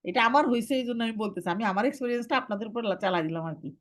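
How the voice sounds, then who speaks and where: A young woman with a slightly high voice leads a recitation class. She gives firm, step-by-step instructions and slows right down to model each sound for her students. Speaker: Quran recitation teacher.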